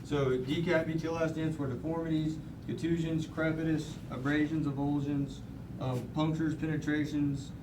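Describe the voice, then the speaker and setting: A man's voice: fairly high pitch, little pitch movement, normal speed. A man speaking as a paramedic trainee, reciting the procedural steps of a patient-assessment drill aloud. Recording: roomy, distant mic with clear background noise.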